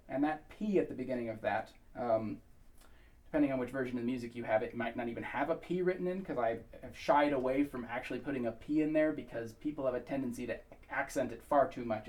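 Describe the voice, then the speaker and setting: A man's voice: medium pitch, a little mellow, recorded from a distance. Man teaching pronunciation, a bit off-mic. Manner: patient, slow and careful over each word. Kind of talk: pronunciation lesson.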